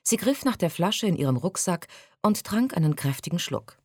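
Woman narrator, low voice, lively pitch, calm expressive storybook reading, dry close mic. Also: moderate pace, dry recording.

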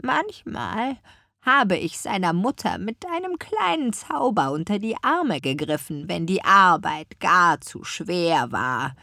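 A woman voicing a kindly, forgetful old grandmother witch in an audiobook, with a raspy, croaking voice and a drawn-out, high, cracked delivery. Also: sing-song, bright, forceful tone, no room sound, studio quality, full character voice. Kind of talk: audiobook character voice.

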